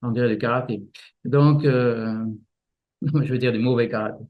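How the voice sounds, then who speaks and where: A man's voice: medium pitch, steady tone, muffled recording. Casual french guy explaining, lots of restarts. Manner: halting, many restarts, explains with images. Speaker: martial arts teacher, guest.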